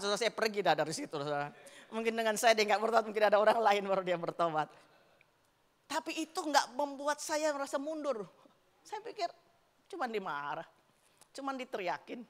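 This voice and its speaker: Woman preaching in a reverberant church. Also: a little high. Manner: lively storytelling, keeps calling out to the congregation. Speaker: evangelist preacher. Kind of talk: sermon with personal stories. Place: church sanctuary. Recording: long reverb of a church hall.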